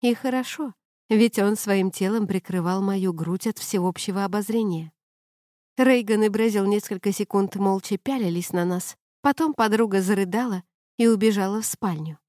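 Woman, audiobook narrator, steady even reading, dry close mic. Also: mid-range voice, moderate pace, dry recording. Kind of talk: first-person novel narration.

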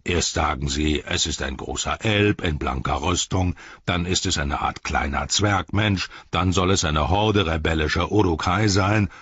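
A man's voice: low voice, measured pace, hardly any pauses, fairly bright tone, breathy edge, dry recording, muffled recording, exaggerated voice. A man voicing a small, sullen orc tracker who growls and gripes. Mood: griping. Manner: growling, resentful griping.

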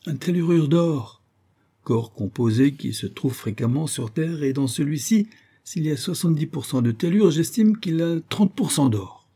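A man's voice: a little high, animated, moderate pace, dark tone, slightly rough, voice pushed up. A man voicing a cantankerous, proud old astronomer professor who lectures precisely, stressing each syllable. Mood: lecturing.

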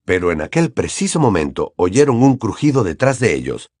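A man narrating an audiobook in an expressive storytelling manner. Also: on the low side, moderate pace, no room sound, clean studio sound. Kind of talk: scripted narration.

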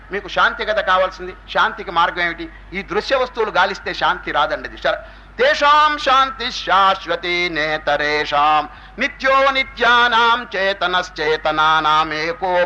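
A man giving a spiritual discourse as a swami, explaining through rhetorical questions and homely stories and slowly chanting scripture verses. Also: high-pitched, bright, forceful tone, slight background noise, low-quality recording. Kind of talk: religious discourse.

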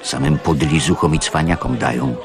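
A man's voice: rumbling low, fairly even intonation, normal speed, a crowd in the background. An actor reading an indignant, aggrieved middle-aged male factory worker in a radio story. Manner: indignant, pleading.

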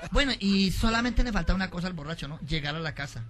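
A man telling jokes live, in lively storytelling that breaks into shouts and laughter, on a noisy live recording. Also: sits high, quick pace. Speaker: stand-up joke teller.

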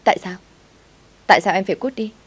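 A woman's voice: lowish voice, quick pace, darkish tone, natural voice. A woman reading a defiant young dishwasher.

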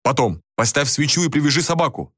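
A man's voice: fairly high pitch, animated, fast talker, fairly bright tone, no echo, clean studio sound, pitched above the performer's own voice. A man voicing a bold former king who speaks in urgent, clipped commands.

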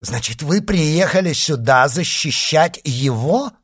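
A man's voice: a little high, lively intonation, takes it slowly, slightly rough, dry recording, studio quality, pitched above the performer's own voice, full character voice. A man voicing an imperious, haughty nobleman. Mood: demanding. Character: haughty commanding male nobleman leading riders. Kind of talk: audiobook character reading.

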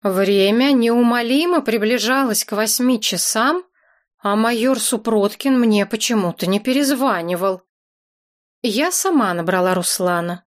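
A woman reading an audiobook chapter as a narrator, in a lively, expressive way. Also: a little high, unhurried. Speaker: audiobook reader. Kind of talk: scripted narration.

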